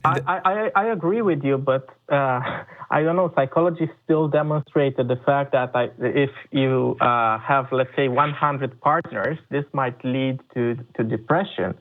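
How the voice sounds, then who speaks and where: A man's voice: medium pitch, measured pace. A man from Romania, calling in to a show and making his point hesitantly with many fillers and restarts. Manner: hesitant, many uhs and repeated starts. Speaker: caller. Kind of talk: phoned-in discussion. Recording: tinny phone line.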